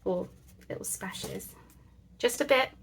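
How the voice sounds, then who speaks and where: A woman's voice: on the high side, slow, creaky, slight background noise. A woman chatting casually as she works on a craft project, thinking aloud with lots of fillers. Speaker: crafting channel host.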